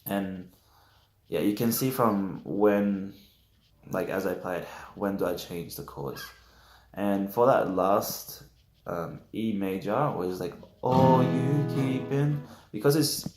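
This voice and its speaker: A young man giving a casual guitar lesson, halting and full of fillers, correcting himself as he goes, sounding just woken up. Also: low voice. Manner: hesitant, many fillers, self-correcting. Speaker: guitar teacher. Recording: roomy echo with loud guitar playing.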